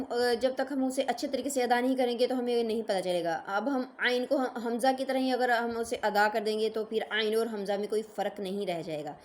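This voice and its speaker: A woman's voice: fairly high pitch, a little mellow, a little hiss or hum. A woman teaching Quran reading, patiently explaining and stretching out syllables for learners to repeat. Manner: patient, drawn-out syllables for repetition. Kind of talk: slow lesson, reading letters aloud.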